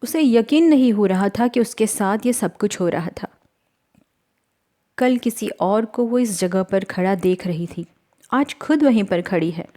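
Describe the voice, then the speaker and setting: A woman's voice: medium pitch, animated, unhurried, warm tone. A woman storyteller narrating a dramatic novel in an earnest voice.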